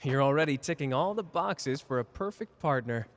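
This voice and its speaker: A man's voice: mid-range voice, expressive, moderate pace, close to an everyday voice. Man acting cocky, flirty Gojo in long reverb. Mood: playful, flirty. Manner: teasing, casual, boastful. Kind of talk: ASMR character roleplay addressed to listener.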